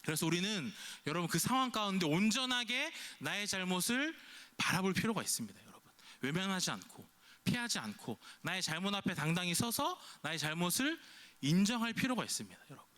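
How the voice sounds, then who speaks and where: Young guy pastor preaching to a youth service, bright ringing voice, keeps tossing questions at the room. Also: sits high, sing-song, fairly quick. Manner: conversational preaching, keeps asking the congregation questions; acts out imagined lines in a quoted voice.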